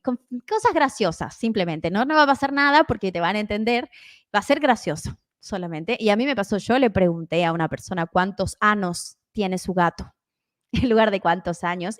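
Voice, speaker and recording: A young Argentine woman teaches a live online class in a chatty, encouraging voice. Her pitch sits in a middle range, and she stretches out words when showing how to say them. The sound is close and dry. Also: a bit bright, no room sound. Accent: Argentine Spanish. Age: 20s. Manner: chatty and encouraging, slows down to spell out Italian words. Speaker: Italian teacher.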